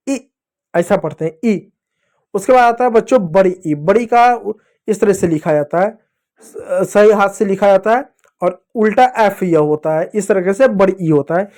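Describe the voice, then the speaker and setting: High-voiced man teaching children. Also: a little mellow. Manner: patient, repeats and drills sounds, addresses children directly. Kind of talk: spoken children's lesson.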